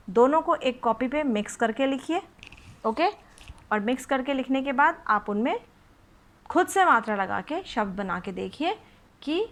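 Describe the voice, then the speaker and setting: A woman teaching young children the short and long vowel signs, sounding out syllables slowly and often checking if they follow. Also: sits high. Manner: patient, drawn-out sounding of syllables, frequent "ठीक है?" checks. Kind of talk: children's Hindi phonics lesson.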